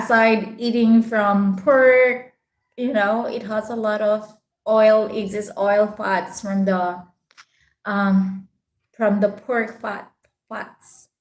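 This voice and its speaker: A woman from the Philippines with a Visayan (Bisaya) accent, chatting casually as a livestream host in a polite, halting way. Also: fairly high pitch. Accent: Filipino, Visayan (Bisaya). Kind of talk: casual live chat, answering viewers' comments. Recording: roomy, echoing room sound.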